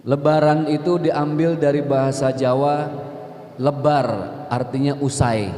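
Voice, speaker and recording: A man's voice: a little high, little pitch movement, measured pace, dark tone. A man preaching to a congregation in a chatty way, joking with the crowd and asking them questions. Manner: chatty, jokes with the audience, asks them questions. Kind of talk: lively religious talk to a congregation. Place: gathering hall. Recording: echoey hall with long reverb.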